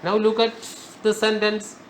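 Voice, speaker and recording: Slow, high-voiced man teaching grammar. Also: monotone, slight background noise. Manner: slow, emphatic, repeats key words. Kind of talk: spoken grammar lesson.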